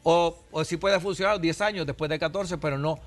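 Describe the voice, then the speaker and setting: A man's voice: on the high side, fairly quick. A Puerto Rican man in his sixties, an immigration adviser on a TV interview, explaining patiently with examples. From Puerto Rico.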